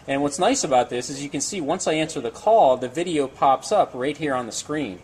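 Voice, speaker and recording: In an indoor equipment lab or demo room, a man in his forties gives a casual, plain-spoken demonstration of a technical product. His voice is a little high, fairly quick, and lively in intonation. The audio is poor, with clear background noise in the room.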